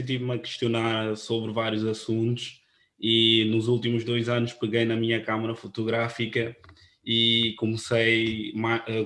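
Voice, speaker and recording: Guy from presenting at an online panel, earnest, pretty flat voice, lots of ahs. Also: mid-range voice. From Guinea-Bissau. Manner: earnest, halting, with many fillers. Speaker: panel speaker, photographer.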